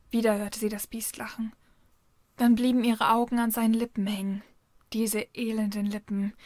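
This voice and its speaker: A woman reading a fan fiction story aloud in an even, measured narration. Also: fairly high pitch, no room sound.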